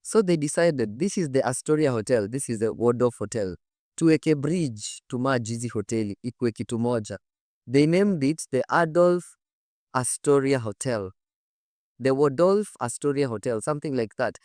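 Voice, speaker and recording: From a studio set, a storytelling host with a Kenyan accent speaks to camera in a lively, conversational, emphatic manner, repeating himself and firing off rhetorical questions. The male voice is medium-pitched, animated and a little mellow at a moderate pace, heard at studio quality without echo.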